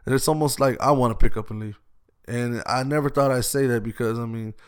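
A man's voice: medium pitch, fairly even intonation, brisk, clean tone. A man from Austin, talking earnestly and at length as an interview guest, with frequent restarts. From Austin, Texas. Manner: earnest, heartfelt, rambling with restarts. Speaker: guest, youth gang-prevention worker. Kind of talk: casual conversational interview.

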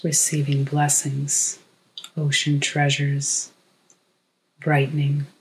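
A narrator gives a guided meditation in a hushed, measured voice, reading short poetic phrases with long pauses. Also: medium pitch, monotone, slight background noise, poor audio.

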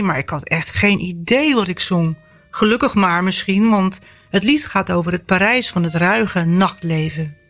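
A woman author reading from her own novel, then talking about the memories behind it in a lively, storytelling way. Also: medium pitch. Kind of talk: novel reading and personal reflection.

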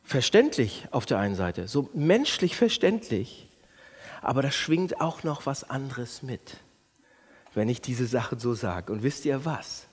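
A man's voice: mid-range voice, sing-song, a little slow, slightly rough, in a large hall. A man preaching a sermon as a pastor, talking directly to his congregation and acting out self-righteous inner voices.

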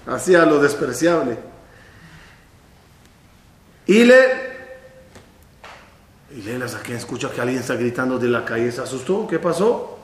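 Animated man telling a Torah lesson. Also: medium pitch, roomy sound. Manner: animated, acts out voices in stories. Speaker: rabbi teaching.

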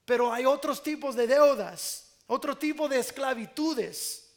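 A man's voice: very high-pitched, lively intonation, unhurried. A man preaching a sermon as pastor, earnest with playful asides, speaking Spanish with an American English accent.

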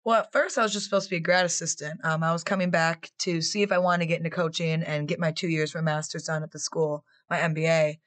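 A woman's voice: deep voice, quick pace, hardly any pauses. Chatty young woman telling team stories. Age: 20s. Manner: chatty, animated storytelling with quoted voices. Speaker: former player and assistant coach, guest. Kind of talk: casual interview answers.

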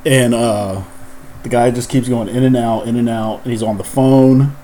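A man's voice: medium pitch, fairly even intonation, moderate pace, dark tone, slight background noise. A man hosting a podcast, telling a long rambling story in casual chat, full of fillers and laughing as he goes. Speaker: podcast host.

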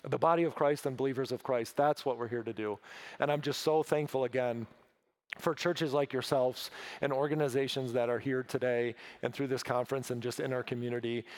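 A man giving an earnest, emotional conference talk about his ministry, halting often with fillers. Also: mid-range voice, a little mellow. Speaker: ministry speaker.

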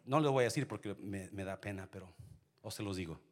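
A middle-aged male pastor preaching a sermon with animated delivery, mixing in English phrases. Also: on the low side, fairly quick. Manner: animated preaching, switching between Spanish and English.

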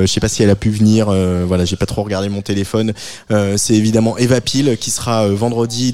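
A man's voice: on the low side, dark tone. A man hosting a radio show in casual chat, hesitant, with many fillers and restarts.

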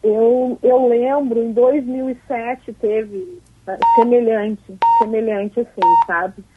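A woman mayor being interviewed over a crackly phone line, talking haltingly and repeating words. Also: fairly high pitch, fairly even intonation. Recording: tinny breaking-up phone line.

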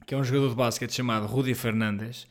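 A young man from Portugal with a European Portuguese accent hosting his own podcast from home, rambling and excitable with lots of slang and fillers. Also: mid-range voice, fast talker. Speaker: podcast host. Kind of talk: casual solo podcast monologue.

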